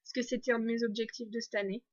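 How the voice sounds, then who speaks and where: A woman's voice: a little high, little pitch movement, fast, highs cut off. A young woman from France talking casually in a video diary, chatty with many restarts and fillers. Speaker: exchange student vlogger.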